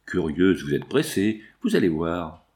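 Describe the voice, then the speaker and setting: A man's voice: low-pitched, very animated, a little slow, darkish tone, pitched below the performer's own voice. A man voicing a sly, jovial man in disguise who coaxes and teases, in an audiobook reading.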